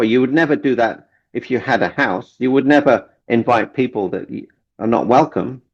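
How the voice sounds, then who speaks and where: In dull, lo-fi audio, a man from Kenya with a medium-pitched, slightly mellow voice talks motivationally as a relationship coach guest. His manner is earnest, and he drives points home by repeating key phrases.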